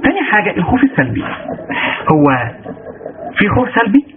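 A man's voice: high-pitched, huge pitch swings, brisk, over music. A man with an Egyptian accent giving a motivational religious lesson, asking rhetorical questions and answering them himself. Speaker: religious lecturer. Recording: tinny phone-like line with noise.

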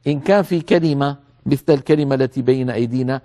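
Male recitation teacher, mellow low tone, patient explaining, slow demonstration of words. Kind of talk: tajweed lesson with slow demonstrations.

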